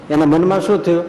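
A man's voice: fairly high pitch, darkish tone, a little hiss or hum. A man as a swami telling a story in a sermon, folksy and acting out the people in it. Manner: folksy, acts out voices in the story. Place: temple school hall. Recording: echoey hall with long reverb.

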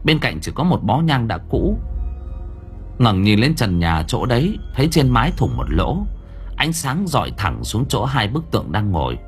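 A man narrating an audiobook story, with lively storytelling rises and falls. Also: medium pitch, moderate pace. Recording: narration over faint background music.

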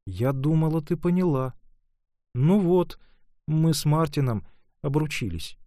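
A man voicing an earnest young woman in love, talking in an excited, pleading rush. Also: a little high, measured pace, dry recording, studio quality, voice pushed up.

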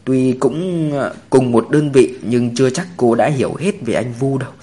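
A man voicing a calm male police officer who explains things in a measured way. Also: medium pitch, lightly acted.

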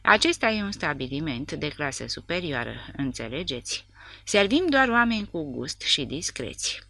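A woman's voice: low voice, sing-song, vocal fry, sharp tone, full character voice. A woman voicing a haughty older brothel madam who speaks with cold, composed politeness in a story reading. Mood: coolly polite.

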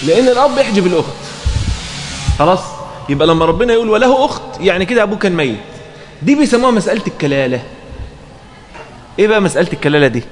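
A man's voice: sits high, animated, rapid-fire, pauses often, a little hiss or hum. Egyptian man teaching in an echoey room. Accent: Egyptian Arabic. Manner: reads a passage, then explains it with frequent check questions. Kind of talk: explaining a fiqh text in a lesson. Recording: roomy echo, faint background ambience.

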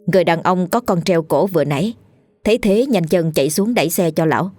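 A woman narrating a ghost story in a lively, dramatic way. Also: lowish voice, fairly quick, dry recording, studio quality.

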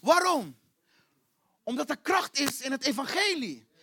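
Impassioned high-voiced male preacher. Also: big pitch swings, a little slow, gravelly, background noise. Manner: repetitive, impassioned preaching with shouted questions. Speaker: pastor. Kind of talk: sermon. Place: church.

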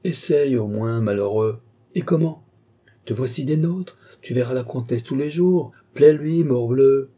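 Man voicing a wily old nobleman, excitable. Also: mid-range voice, unhurried, pitched above the performer's own voice, close to an everyday voice. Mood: urging. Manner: exclamatory, mocking, rising to sharp outbursts. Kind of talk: audiobook reading of a classic novel.

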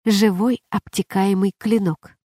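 A woman's voice: mid-range voice, fairly even intonation, unhurried, dark tone, dry recording. Woman reading a story, dry sound. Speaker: audiobook narrator. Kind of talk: scripted narration.

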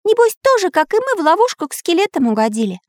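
A woman's voice: very high-pitched, big pitch swings, fast talker, a little mellow, dry recording, studio quality, pitched above the performer's own voice. A woman voicing a small cheerful boy artist in a storybook reading, with an eager childlike manner. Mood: amused.

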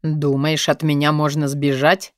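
A woman voicing a cold, domineering adult male teacher who speaks low, slow and menacing. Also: flat delivery, dry recording, clean studio sound.

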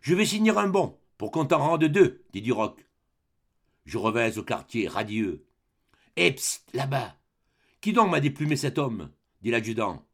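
Guy voicing a proud old soldier sergeant, gravelly husky voice, verse swinging all over. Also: mid-range voice, sing-song, measured pace, exaggerated voice. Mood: storytelling. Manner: declaiming, rhythmic verse delivery. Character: boastful old male grenadier sergeant, proud and loyal. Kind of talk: dramatic reading of a verse play.

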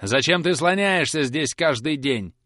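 A man voicing a cruel, menacing gentleman clerk who threatens in a harsh, slow, loud manner. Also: fairly high pitch, lively intonation, no echo, studio quality, pitched above the performer's own voice. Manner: harsh, threatening, shouting slowly.

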